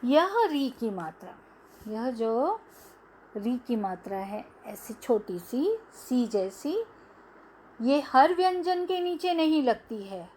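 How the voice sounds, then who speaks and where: A woman's voice: fairly high pitch, sing-song, slow pace, darkish tone, a little hiss or hum. A woman teacher giving a language lesson to young children, stretching out each syllable.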